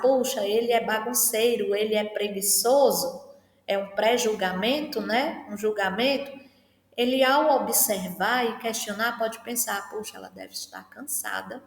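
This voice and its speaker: A woman lectures a class, her voice sitting a little high. She explains patiently and keeps checking in with short questioning tags. The sound rings out in a roomy hall with a long, trailing reverb. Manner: explanatory, often ending phrases with a questioning tag.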